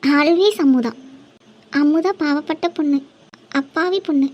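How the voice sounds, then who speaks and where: A woman's voice: high-pitched, a little slow, muffled recording. A woman voicing a playful young woman who teases her sweetheart in a cartoon love story. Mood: teasing. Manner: teasing, bossy banter. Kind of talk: cartoon voice acting.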